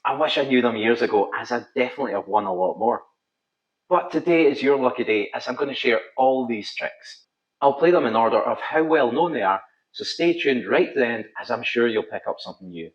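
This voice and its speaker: Male instructor, broad Scottish accent, animated pitch swings, tutorial narration in a roomy, echoing space. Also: fairly quick. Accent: thick Scottish. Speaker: pool instructor, video host. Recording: slightly dull, roomy echo.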